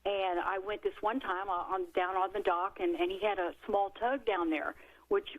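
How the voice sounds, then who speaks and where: Brief: a middle-aged woman author, guest on a talk show, an animated storyteller who acts out her quotes. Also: medium pitch, normal speed, narrow, tinny audio. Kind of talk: storytelling in a talk radio interview.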